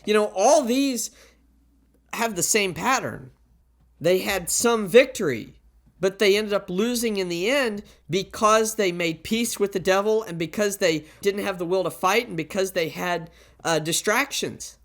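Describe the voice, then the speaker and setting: A man's voice: sits high, unhurried, fairly bright tone. A man preaching a sermon into a pulpit microphone, in a plain conversational way, often asking rhetorical questions and stacking up repeated warnings.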